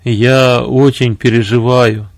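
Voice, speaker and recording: A man's voice: mid-range voice, steady tone, normal speed, no echo, natural voice. A man voicing a blunt, self-assured middle-aged army general. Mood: worried.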